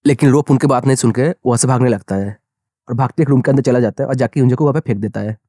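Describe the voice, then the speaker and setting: A man narrating a manga story recap in a brisk, conversational way. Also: mid-range voice, warm tone, dry recording, clean studio sound.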